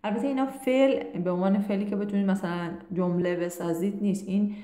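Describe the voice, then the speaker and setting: A woman giving a casual online language lesson, chatty and encouraging, who slows down to spell out sounds. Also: mid-range voice, steady tone, warm tone. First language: Persian. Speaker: Spanish language teacher. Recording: roomy echo.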